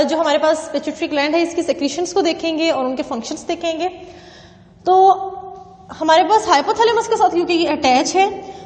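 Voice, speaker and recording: Woman, biology teacher, high voice, echoey room with long reverb. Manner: explains slowly, asks and answers her own questions, repeats key terms; mixes English terms into Hindi. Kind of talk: classroom lecture.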